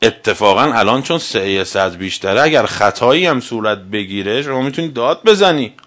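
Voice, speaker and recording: A man giving a religious lecture as a cleric, arguing with rhetorical questions and swinging between loud emphasis and quiet asides. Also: medium pitch, animated. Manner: argumentative, asks rhetorical questions.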